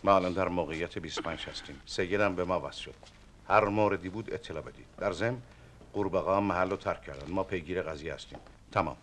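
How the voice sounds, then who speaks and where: A polite investigating agent. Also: male voice, sits low, a bit bright, a little hiss or hum. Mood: reporting. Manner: courteous, placating.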